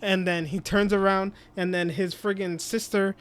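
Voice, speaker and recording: A man's voice: sits high, level tone, moderate pace, fairly bright tone, clear, resonant tone. A young man hosting a casual podcast, rambling through a recap with lots of "like" and "basically". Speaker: podcast host. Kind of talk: casual chat.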